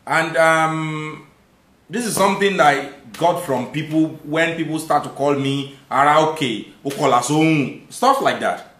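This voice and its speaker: A Nigerian man in his thirties with a Nigerian accent hosts a live stream, reading viewer comments aloud and thanking viewers. His voice is on the high side, and he speaks with lively conviction when making a point, in an echoey room.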